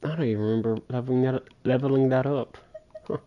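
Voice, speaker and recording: Livestreaming a video game, a man mutters and thinks aloud casually as he plays solo, talking fast with a medium pitch and fairly even intonation. The audio is dull, with faint video game music in the background.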